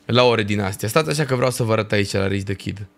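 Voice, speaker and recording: On a livestream, a young man with a lowish, creaky voice ranks festival shows in an animated rant. His casual chat is full of slang and swearing.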